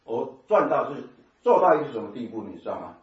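A man giving a personal testimony sermon, telling his story in an animated way with sound effects. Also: mid-range voice, a little fast. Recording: echoey hall from far off, dull sound.

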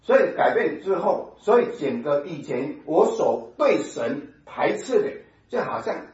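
A man giving a personal testimony sermon, telling his story in an animated way with sound effects. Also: fairly high pitch, a little slow. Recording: echoey hall from far off, dull sound.

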